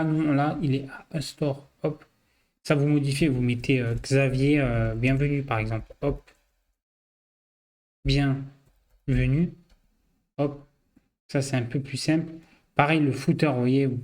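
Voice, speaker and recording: A man's voice: mid-range voice, darkish tone. Casual French-speaking tutorial man. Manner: loose, filler-heavy walkthrough with frequent "hop" and "vous voyez". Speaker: WordPress tutorial host. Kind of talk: casual screen-share tutorial.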